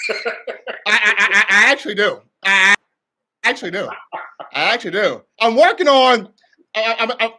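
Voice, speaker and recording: Male sports reporter guest, stammering and repeating himself, high and bright. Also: moderate pace, pauses often. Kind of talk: casual interview chat.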